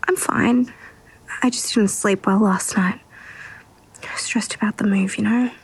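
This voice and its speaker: An actress playing a tired, anxious young mother, whispering softly in a whispered role-play. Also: a little high, measured pace, husky, poor audio. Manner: whispers softly to keep quiet.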